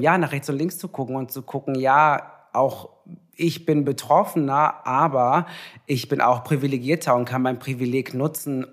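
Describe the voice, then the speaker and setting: A young male TV presenter, medium in pitch, speaks casually and reflectively as an interview guest, with many pauses and fillers.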